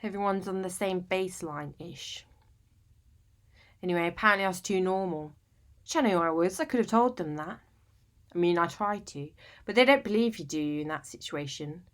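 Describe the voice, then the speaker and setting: Her lowish, natural voice moves at normal speed as this British monologue performer gives a conversational, confessional dramatic piece. Playing a lonely, eccentric, sleep-deprived woman who is wryly matter-of-fact about her bleak life, she is chatty and colloquial, puts herself down, and uses tag questions.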